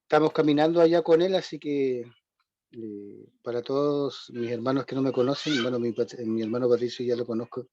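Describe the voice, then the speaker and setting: A man's voice: mid-range voice, a little fast, slight background noise. A man with a Chilean Spanish accent, a church member introducing himself on a video call in a rambling, hesitant way. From southern Chile. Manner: rambling, hesitant, with many restarts and soft laughs. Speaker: church member greeting the class. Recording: dull, dry video call audio.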